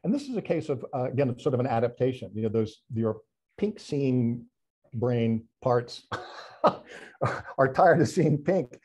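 A man with a husky, mellow voice talks through a presentation over a video call. His delivery is chatty and self-deprecating, full of restarts and little fillers as he thinks aloud. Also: mid-range voice, expressive, measured pace. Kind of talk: casual online talk presentation.

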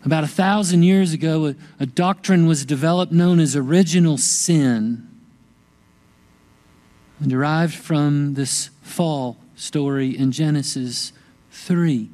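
A man preaching a sermon at an unhurried, measured pace, his voice mellow and a little higher than most men's. He lingers on key words and lets some fall to a near whisper. It sounds like a pastor addressing a congregation during a Sunday service. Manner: slow, deliberate delivery, softening to a hushed whisper on key words. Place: church sanctuary during a worship service.

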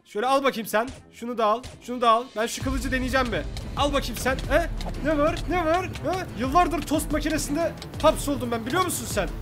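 A man with a strikingly high voice rattles off quick let's play commentary. He is playful and chatty, laughs a lot, and jokes with the creatures in his game. Soft game music plays faintly behind him. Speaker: gaming YouTuber.

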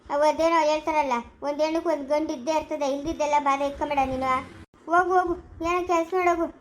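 A woman playing a squeaky quick scolding village wife. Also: steady tone, slight background noise, close to an everyday voice. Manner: scolding, bickering. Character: quarrelsome sharp-tongued village woman. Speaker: family skit actor. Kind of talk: village family skit acting.

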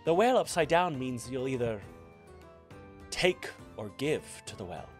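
A mysterious elven fortune teller, played by a man in a tabletop game, coy and portentous as she reads the cards. The voice sits at a middling pitch, with music playing behind it. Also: sing-song. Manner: fortune-teller patter, slow portentous card reading. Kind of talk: tabletop role-play.

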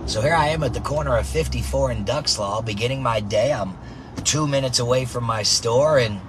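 Man, softball coach, motivational vlog, energetic, says "right?" a lot, in a car, faint background hum. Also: medium pitch, normal speed.

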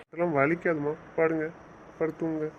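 A young man speaking softly to his wife in a coaxing, gently teasing way. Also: fairly high pitch, flat delivery, brisk, a little hiss or hum. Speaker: husband in a couple's chat. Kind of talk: casual couple banter. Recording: muffled lo-fi recording.

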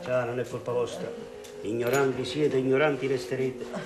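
An actor playing a stern, irritable doctor, speaking curtly and scolding in a 1960s televised stage comedy. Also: male voice, mid-range voice, normal speed, lightly acted. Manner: scolding, curt, exasperated. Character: stern irritable doctor treating a gunshot wound. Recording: old TV stage recording, audience noise.

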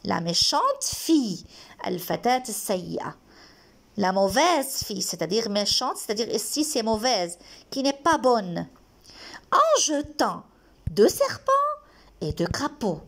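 Lively woman teacher. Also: mid-range voice, gravelly. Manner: slow, repeated dictation of French lines followed by quick Arabic glosses. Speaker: language teacher. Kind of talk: bilingual lesson explaining a text.

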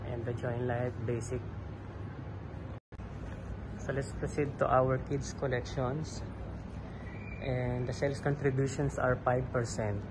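A man giving a walkthrough sales report in a large home goods store, filmed on a handheld phone, listing collections and figures with pauses. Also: mid-range voice, noisy background. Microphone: handheld phone camera.

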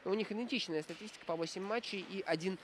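A man commentating live on ice hockey, reflective and analytical, often pausing mid-sentence to find his words. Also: high voice, a little hiss or hum, rough recording.

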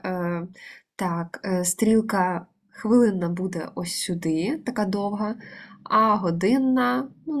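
Breathy lady teacher walking thru a lesson, lots of ums, slightly husky. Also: medium pitch. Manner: explains step by step, many fillers. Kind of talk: online language lesson.

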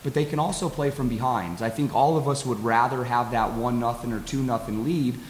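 A middle-aged American man speaks as a coach in a post-game interview, halting and repeating words as he reasons. His voice sits at an average pitch in an echoey hall, with some hiss behind it. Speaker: college soccer head coach. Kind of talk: post-game interview answers at a press table. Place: press conference table with backdrop. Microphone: table stand microphone.

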